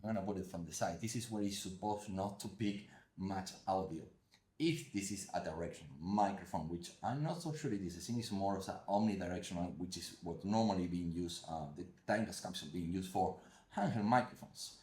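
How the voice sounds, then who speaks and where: Low-voiced man reviewing a mic. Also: fairly quick, darkish tone. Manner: chatty, loose phrasing. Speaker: gear reviewer. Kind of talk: casual product review. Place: home room with open window. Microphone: wireless lav mic under test.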